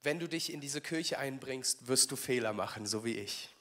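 A man's voice: mid-range voice, moderate pace, bright, forceful tone. Earnest man preaching a sermon. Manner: earnest and encouraging, speaks directly to listeners. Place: church livestream.

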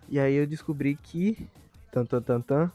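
A man's voice: mid-range voice, a little slow, over loud music. A Brazilian man on a podcast, telling a school story in casual, slangy, profane talk. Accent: Brazilian Portuguese. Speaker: podcast co-host.

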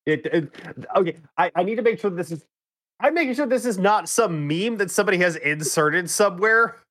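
A man's voice: sits high, animated, brisk, fairly bright tone. A man co-hosting a gaming podcast, reading a movie synopsis aloud in casual chat with wry, dismayed groans. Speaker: podcast co-host.

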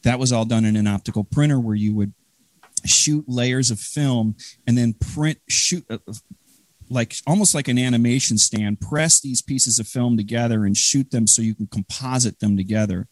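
A man from the Chicago area with a Chicago accent, chatting as a guest in a rambling, halting way full of fillers. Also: mid-range voice, no echo. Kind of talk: casual interview chat.

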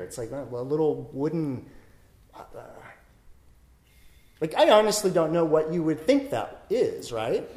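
A man's voice: fairly high pitch, darkish tone, echoey room. A man giving a dharma talk, explaining ideas step by step and thinking aloud, often checking in with "right?". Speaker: dharma teacher.

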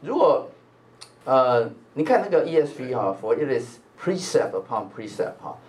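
A male pastor with a Taiwanese Mandarin accent, teaching a Bible class in a lively, chatty manner full of filler particles. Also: mid-range voice, normal speed. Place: church classroom.

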